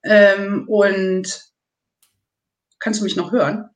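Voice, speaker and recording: A woman's voice: mid-range voice, steady tone. A woman in her thirties, a nursing student, talking hesitantly and at length in a casual interview over a call. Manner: rambling, hesitant with many pauses. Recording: echoey room.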